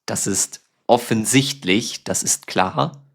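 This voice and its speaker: Slow, patient male German teacher. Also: fairly low pitch, creaky. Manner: explains words patiently with examples, warm. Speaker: German teacher, podcast host. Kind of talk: slow, clear teaching talk.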